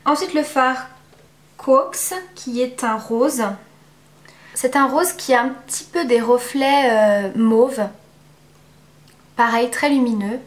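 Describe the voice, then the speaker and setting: A woman giving a casual, chatty makeup review at home, pausing often on fillers. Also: a little high, roomy sound. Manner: chatty, many filler pauses. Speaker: beauty vlogger.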